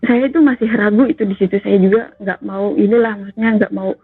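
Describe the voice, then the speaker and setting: A woman's voice: mid-range voice, fairly even intonation, brisk, breathy edge, no echo. A woman calls in and earnestly tells a personal story, addressing the host as "Kak" again and again. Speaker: caller sharing a personal story. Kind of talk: emotional phone storytelling. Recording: tinny phone line.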